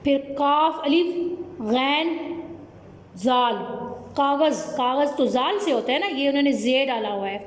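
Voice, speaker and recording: A woman's voice: high-pitched, animated, echoey room. A woman teacher with a Pakistani Urdu accent, patiently spelling out words letter by letter for young children in an online class. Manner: slow, patient spelling out of letters, repeating "ठीक है?". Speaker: primary school teacher.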